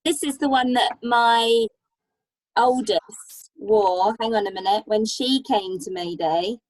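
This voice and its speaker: A woman's voice: on the high side, slow pace, dry recording, rough recording. A mother chatting on a video call and fussing over her baby. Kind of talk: casual chat.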